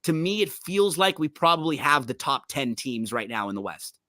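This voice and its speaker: A man hosting a podcast, chatting casually and quickly about basketball, often restarting his sentences. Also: fairly high pitch, very animated, pushed and bright, no echo, clean studio sound. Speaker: podcast host. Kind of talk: casual sports chat.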